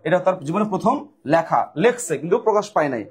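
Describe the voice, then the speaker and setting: A man's voice: a little high, sing-song, brisk, husky. A man with a Bangladeshi Bengali accent, tutoring for university admission exams, drilling students with repeated questions and answers. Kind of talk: lecture solving exam questions.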